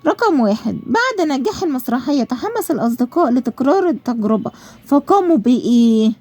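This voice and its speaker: A woman's voice: sits high, big pitch swings, quick pace, darkish tone. A woman with an Egyptian accent teaching a school lesson, asking and answering her own questions and drawing out example words.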